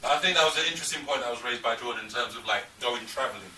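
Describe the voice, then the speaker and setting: Bright-voiced man leading a chat. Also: medium pitch, very fast, a little hiss or hum. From Nigeria. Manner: probing, laughs easily. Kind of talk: casual panel discussion. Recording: roomy, distant mic.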